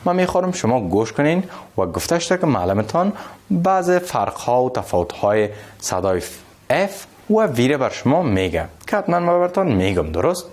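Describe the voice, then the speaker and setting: Lively man teaching English. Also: medium pitch. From Afghanistan. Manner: slow, drawn-out delivery with Dari explanations. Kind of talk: bilingual classroom lesson.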